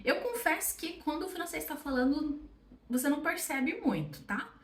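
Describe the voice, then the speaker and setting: A young Brazilian woman with a Brazilian Portuguese accent teaches an online French lesson, chatty and encouraging, often checking in with "ok?". Her high-pitched voice has lively intonation and a normal speed. She sits far from the mic in an echoey room.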